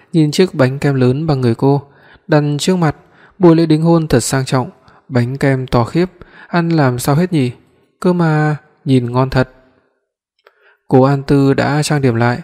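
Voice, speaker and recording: A man narrating a romance audiobook with a steady, even reading. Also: medium pitch. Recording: long hall reverb.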